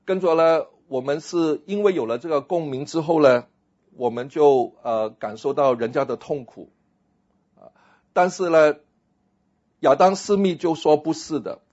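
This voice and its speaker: A male pastor lectures with a husky, slightly raised voice, acting out small scenes as he explains a text. He often drops English phrases into his talk. The recording sounds dull and a bit lo-fi. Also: on the high side, moderate pace. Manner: animated, acts out little scenes and mixes in English phrases.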